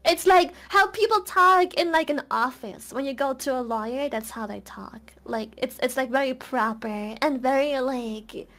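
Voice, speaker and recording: A woman's voice: high-pitched, normal speed, few pauses, fairly bright tone. A German-native woman streamer chatting casually in English, giggly and rambling with lots of filler words. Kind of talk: casual gaming stream chat.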